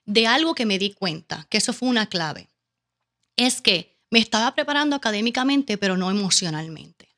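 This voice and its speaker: A woman with a Caribbean Spanish accent speaks in a bright, keen-edged voice at an average female pitch. She recounts her experience informally and animatedly, voicing thoughts and dialogue as she goes. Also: normal speed. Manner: animated, acting out her own inner questions and quoted remarks. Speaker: interview guest, teacher and educational consultant. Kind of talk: casual personal storytelling in an interview.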